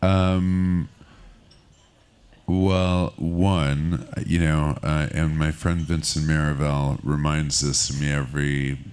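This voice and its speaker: A man from France speaking as a guest on a festival stage, candid and relaxed, talking in loose rambling bursts. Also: extremely low pitch, takes it slowly, clear, resonant tone. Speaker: film finance executive, keynote guest. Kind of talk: onstage conversation. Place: stage at a film festival market.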